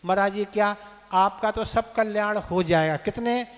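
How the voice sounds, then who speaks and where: A man's voice: high-pitched, normal speed, fairly bright tone. A man, a monk, teaching scripture in a temple, breaking verses into syllables for listeners to repeat and asking them questions. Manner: asks the audience questions. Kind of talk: scripture lesson, call-and-repeat recitation. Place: temple hall. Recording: reverberant temple hall, live broadcast.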